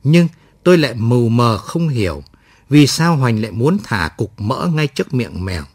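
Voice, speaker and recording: Male audiobook narrator, calm and reflective, mid pitch, dry close recording. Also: normal speed, dry recording. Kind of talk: scripted first-person story narration.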